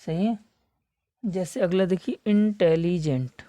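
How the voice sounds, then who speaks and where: A man teaching a classroom lesson for exam prep, spelling words letter by letter and repeating key terms slowly for emphasis. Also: high-pitched, warm tone, no room sound. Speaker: English teacher for competitive exams.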